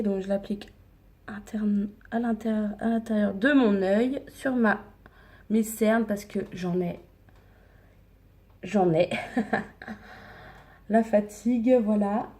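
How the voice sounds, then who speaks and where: Slow, mellow-voiced woman chatting through makeup. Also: medium pitch. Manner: hesitant, many fillers, slips into soft whispers. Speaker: makeup vlogger. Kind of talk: casual makeup tutorial chat. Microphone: phone camera.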